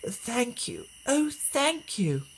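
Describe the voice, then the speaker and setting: A storybook narrator voicing an excitable, grateful female witch with exclaiming, very expressive delivery. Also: medium pitch, very slow, a little hiss or hum, heavily acted, rough recording. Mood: relieved, grateful.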